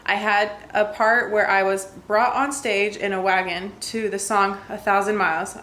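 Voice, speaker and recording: A woman's voice: medium pitch, steady tone, normal speed, bright, forceful tone, reverberant. A woman vlogger casually reading viewer stories aloud, chatty, laughing often and full of "like" fillers.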